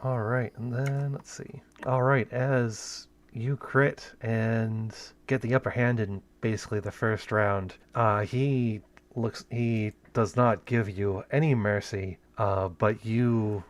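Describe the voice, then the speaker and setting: A man's voice: fairly low pitch, fairly even intonation, slow pace. A man narrating a tabletop game as game master, hesitant, restarting phrases and counting dice aloud.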